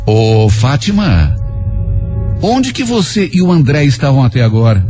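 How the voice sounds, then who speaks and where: Jealous tipsy young woman, accusing and shrill, read by a man in a radio story; lively, rising delivery. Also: fairly quick, music in the background. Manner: accusing, shouting.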